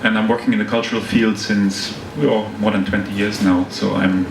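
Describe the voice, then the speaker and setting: A man's voice: lowish voice, little pitch movement, moderate pace, vocal fry. A man from Germany, a freelance curator, introducing himself on a panel. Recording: echoey hall, distant, noisy.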